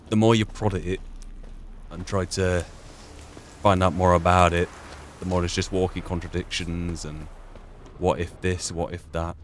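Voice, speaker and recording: This man's voice sits low, with slight background noise and video game music in the mix. Narrating a roleplay playthrough alone, he drifts in and out of character, pondering philosophical questions he poses to himself.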